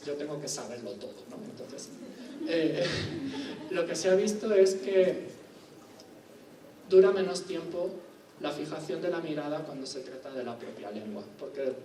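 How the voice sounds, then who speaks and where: A man's voice: fairly high pitch, a little mellow, slight background noise. A man giving a university lecture, explaining step by step and checking in with rhetorical questions. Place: lecture hall. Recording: echoey room from far off, faint ambience.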